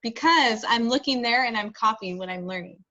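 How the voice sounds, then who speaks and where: A woman's voice: a little high, normal speed, sharp tone, a little hiss or hum. Agreeable woman on a lo-fi phone call. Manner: agreeable, brief replies. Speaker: meeting participant. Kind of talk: casual planning call. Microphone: phone on a video call. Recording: dull lo-fi phone call audio.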